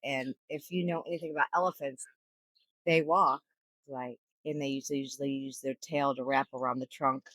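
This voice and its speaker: A woman's voice: rumbling low, steady tone, a little fast, fairly bright tone, no echo, poor audio. A middle-aged woman hosting a sports picks show, chatty and joking. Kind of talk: casual chat.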